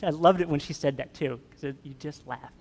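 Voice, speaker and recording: A man preaches a relaxed, joking sermon and asks his congregation easy questions. His voice sits a bit high for a man. The sound trails off in the long reverb of a church hall. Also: brisk, slightly rough. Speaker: pastor.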